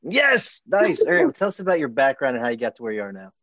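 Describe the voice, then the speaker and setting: A man's voice: mid-range voice, huge pitch swings, fast, a bit bright, no echo, highs cut off. A man co-hosting a podcast, teasing and laid-back in casual talk. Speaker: podcast co-host.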